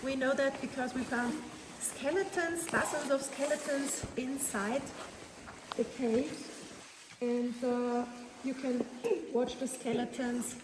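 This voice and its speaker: High-voiced woman guide in echoing cave. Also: steady tone, takes it slowly. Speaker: tour guide. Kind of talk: explanatory guided-tour talk. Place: inside a large ice cave. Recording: echoey cave, distant mic, noisy.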